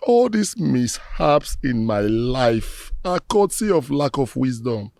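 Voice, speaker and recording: A man's voice: mid-range voice, sing-song, slow pace, vocal fry, a little mellow, dry recording, clean studio sound, full character voice. A man playing a remorseful middle-aged man who solemnly pleads with his ancestors in proverb-laden prayer.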